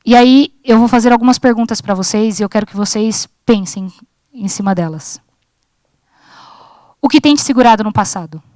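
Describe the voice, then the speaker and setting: Woman in her 30s preaching casual sermon, kinda high voice, jokey and chatty, dry close sound. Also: moderate pace, long pauses, a little mellow, no room sound. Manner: chatty and joking, acts out her talks with God. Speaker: preacher at a church youth service. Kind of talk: informal sermon. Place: church service.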